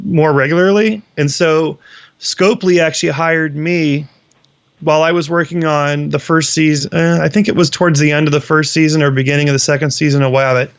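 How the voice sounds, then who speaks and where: Gravelly man in his thirties. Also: fairly high pitch, fairly bright tone, no room sound, highs cut off. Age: 30s. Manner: explains at length, with fillers. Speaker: animation consultant. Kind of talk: casual interview talk.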